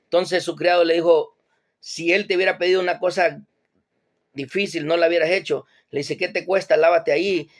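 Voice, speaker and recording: A man's voice: a little high, steady tone, fairly quick. A man retelling Bible stories in a plain, conversational way, as an informal teacher.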